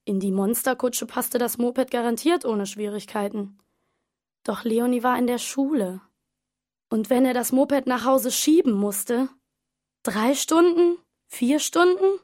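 A woman narrating a suspense story as an audiobook, in a tense and measured storytelling manner. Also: fairly high pitch, a little mellow, dry recording, studio quality.

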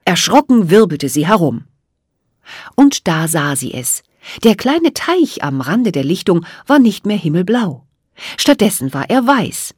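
A woman reads a children's storybook aloud, with a lively voice that swoops up and down for drama. The recording is close and dry, with no room sound. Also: on the low side, unhurried, breathy edge, no echo. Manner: expressive, dramatic reading. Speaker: audiobook narrator. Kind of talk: storybook narration.

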